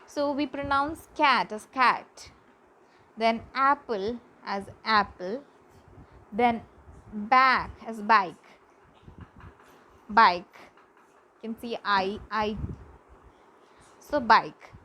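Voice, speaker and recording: A woman teaching a class, slowly repeating words for pronunciation practice. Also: on the high side, sharp tone, rough recording. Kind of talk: classroom lesson. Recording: faint background noise.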